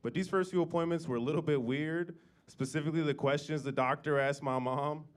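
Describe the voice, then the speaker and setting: Young guy doing standup at a club, dry delivery, bit of a higher voice, gets fake-mad at his mom bits. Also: brisk. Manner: deadpan crowd work, rising to mock outrage. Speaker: stand-up comedian. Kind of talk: stand-up set. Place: comedy club stage. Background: audience laughter.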